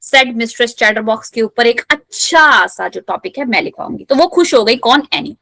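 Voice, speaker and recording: Woman teacher, lively explanation, high pitch, dry close sound. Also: creaky, dry recording. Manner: explains in Hindi, reads English text slowly; lively, playful asides to students. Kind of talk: chapter explanation lesson.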